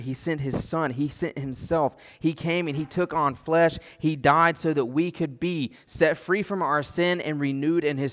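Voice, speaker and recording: A man preaching a sermon as pastor, earnest and gentle, his voice sometimes dropping soft for asides. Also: fairly high pitch, big-room sound. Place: church sanctuary.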